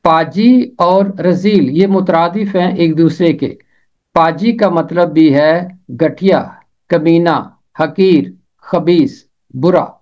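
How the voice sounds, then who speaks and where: A man teaching word pronunciation and meanings in a scripted lesson, repeating each word slowly and carefully. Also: fairly high pitch, darkish tone, highs cut off.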